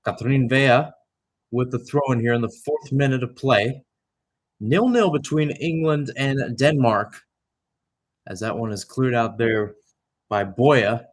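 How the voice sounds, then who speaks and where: A young adult man delivers live, radio-style soccer play-by-play in a mid-range voice at a measured pace. He talks conversationally and fills in background details between calls.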